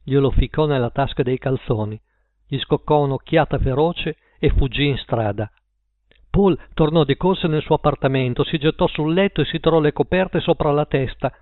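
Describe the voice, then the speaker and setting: A man's voice: fairly high pitch, moderate pace, no room sound. Man narrating a story over a tinny line. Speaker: audiobook narrator. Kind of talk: scripted narration. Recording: tinny phone-like line, dry.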